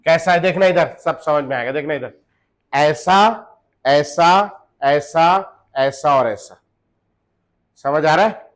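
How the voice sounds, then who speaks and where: A man's voice: a little high, slow, long pauses. A question-firing chemistry teacher, a man. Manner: asks the class questions and answers them himself, joking; mixes in English phrases. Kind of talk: classroom lecture.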